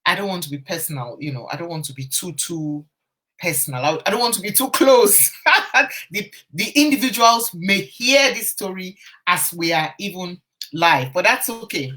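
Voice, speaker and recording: On a casual live stream picked up by a phone or webcam, a woman confidence coach tells a story in a lowish, slightly bright voice at normal speed. She chats away with viewers, greeting them by name and restarting her phrases as she goes.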